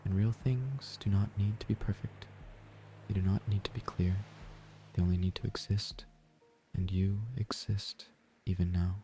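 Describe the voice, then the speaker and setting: A man gives a slow, soft-spoken guided sleep meditation in a gentle, breathy near-whisper. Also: sits low, slight background noise. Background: ocean waves and gentle music.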